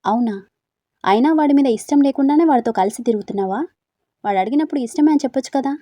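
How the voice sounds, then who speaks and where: Chatty young hostel girlfriends from a spoken storybook, teasing and prying with eager questions, all voiced by one woman narrator. The voice is a bit high and soft-toned, close and dry. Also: fast, no room sound. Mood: curious, teasing.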